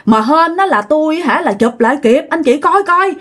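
A woman voicing a panicked older woman who shouts frantically in alarm. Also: high voice, expressive, normal speed, voice pushed up. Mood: urgent.

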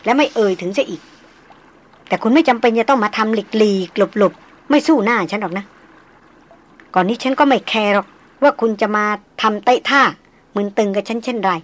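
A woman reading the part of a refined, self-assured young woman doctor, speaking slowly and deliberately. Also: on the high side, lightly acted. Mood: frank. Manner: slow, measured, deliberate. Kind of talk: audiobook character reading.

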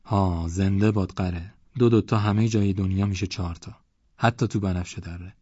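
A man voicing a loud, boastful village man who mocks and rants. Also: low-pitched, steady tone, slightly rough, no echo. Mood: mocking. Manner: mocking, blustering, rambling complaints. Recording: dull lo-fi audiobook recording.

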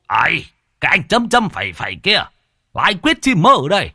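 A man voicing a jolly, excitable old village elder who fawns over his guests. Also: moderate pace, husky, no echo, studio quality, full character voice. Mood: gleeful. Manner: giggly, high and boastful.

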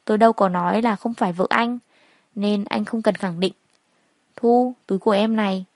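A woman reading a story, voicing a rich, cool-headed young man who speaks calmly and firmly, with a faintly mocking edge. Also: mid-range voice, normal speed, no echo, natural voice. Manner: calm, firm, faintly mocking.

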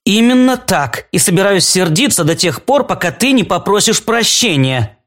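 A man reading a storybook, voicing a demanding, quick-tempered young woman who scolds her lover. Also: high-pitched, expressive, pitched above the performer's own voice. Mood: indignant. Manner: indignant, scolding. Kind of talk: audiobook character voice.

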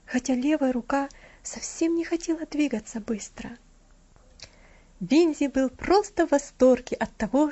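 A woman narrating a children's storybook in a steady, expressive way. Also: high voice. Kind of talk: storybook reading. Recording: dull lo-fi audiobook recording.

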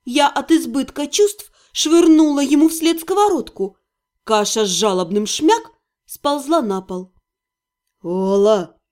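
A woman narrating a first-person fantasy audiobook in an expressive, wry manner. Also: high-pitched, measured pace.

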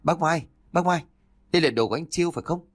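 A man's voice: a little high, fast, voice pushed up, lightly acted. A man voicing an anxious young nephew calling out urgently in a narrated story.

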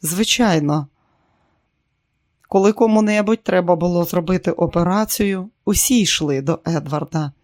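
A woman's voice: lowish voice, moderate pace, a little mellow, natural voice. A reader voicing a flustered woman in a novel. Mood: wistful. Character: shamed tipsy woman, widowed diplomat. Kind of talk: audiobook character reading.

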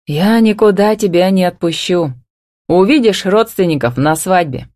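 A woman narrator voicing a gruff, domineering man who growls curt replies. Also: on the low side, normal speed, a little mellow, no room sound, clean studio sound, close to an everyday voice.

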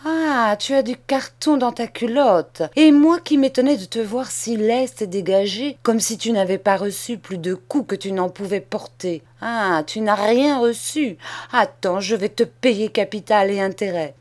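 A woman reading aloud and voicing a greedy, harsh old woman who scolds a boy in sharp, shrill outbursts. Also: lively intonation, measured pace, close to an everyday voice. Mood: scolding angry. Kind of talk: audiobook character reading.

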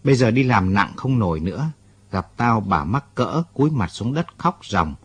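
A man's voice: fairly low pitch, very animated, normal speed, husky, no room sound. A man voicing a distressed middle-aged man. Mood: upset. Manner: upset, pours out his story.

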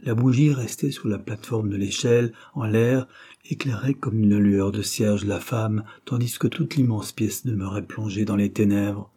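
A man narrating a classic novel as a literary audiobook, in a measured and expressive reading. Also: fairly low pitch, husky.

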